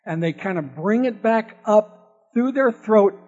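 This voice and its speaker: Using a high, darkish voice with lively intonation and a measured pace, a man preaches to a crowd, joking with them while telling a playful, folksy farm story. The sermon's audio is dull and heavily reverberant, like a long hall.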